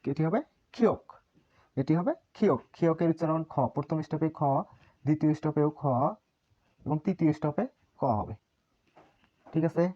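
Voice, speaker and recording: Language teacher, mellow voice, patient drilling, dull lo-fi recording. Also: medium pitch, moderate pace, pauses often. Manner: patient, repeats each sound many times as a drill. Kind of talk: online language lesson.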